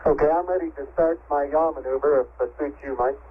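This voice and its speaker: A man's voice: fairly high pitch, steady tone, fairly quick. A man speaking from a spacecraft over a crackly two-way radio, in terse call-and-response exchanges. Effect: crackly two-way radio transmission. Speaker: astronaut in a spacecraft. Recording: tinny, noisy archival radio link.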